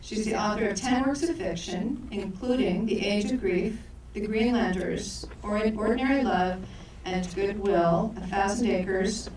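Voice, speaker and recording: A woman co-director opens a live event in a large, echoey hall, reading speaker introductions with stumbles and self-corrections. Her mid-range voice is a little mellow, picked up from far off with some echo and a slight hiss or hum.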